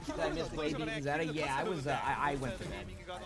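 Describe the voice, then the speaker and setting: Watching a match on his live stream, a man rambles to viewers with plenty of fillers, talking fast in a voice on the high side that's getting a bit hoarse. A loud crowd is audible behind him, and he's a game streamer.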